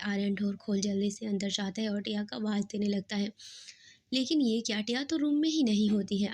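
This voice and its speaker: A woman storyteller giving scripted narration of a romance in an even, steady way. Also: mid-range voice.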